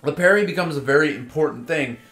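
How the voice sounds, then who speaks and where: A man's voice: a little high, fast talker, fairly bright tone, faint music behind. Enthusiastic rambling man, echoey room. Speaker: podcast co-host. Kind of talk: casual chat about games.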